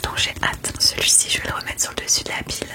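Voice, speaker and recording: Whispering woman in a soft ASMR book chat. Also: fast talker. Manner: soft library whisper, hushed and unvoiced. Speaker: ASMR creator reviewing books.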